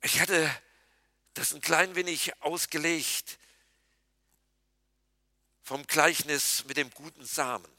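A man preaching a sermon to his congregation, addressing them informally and dropping to a hushed voice for quoted scripture. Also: fairly high pitch, takes it slowly, pauses often, no echo, studio quality. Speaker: pastor.

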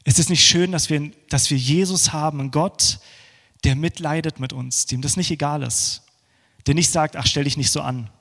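A man preaching a sermon, moving between fervent passages and hushed, prayerful ones. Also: a little high, creaky. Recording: long hall reverb.

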